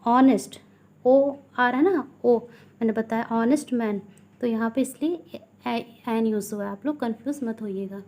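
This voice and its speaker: Soft-toned Indian woman teaching grammar. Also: fairly high pitch. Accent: Indian English. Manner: reads English slowly, explains quickly in Hindi with questions. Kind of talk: classroom grammar lesson.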